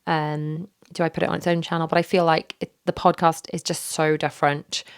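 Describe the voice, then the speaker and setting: A woman in her thirties hosts a casual solo podcast from her home office, speaking straight into a studio microphone. Hoarse and recovering from illness, she sounds worn out, her low, rough voice full of gravelly fry. She rambles candidly and fairly quickly with lots of fillers, in a flat delivery.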